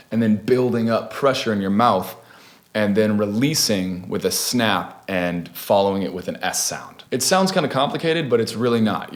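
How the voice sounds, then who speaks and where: A young man hosting a casual video tutorial, laid-back and chatty with lots of fillers and restarts. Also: on the low side. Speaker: beatbox tutorial host.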